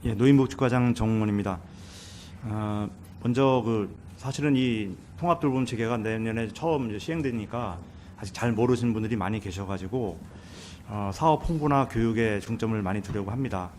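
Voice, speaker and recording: Male civil servant, lowish pitch, formal and deferential meeting answers that restart now and then, light background noise. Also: brisk, a little mellow. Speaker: department head, senior welfare official.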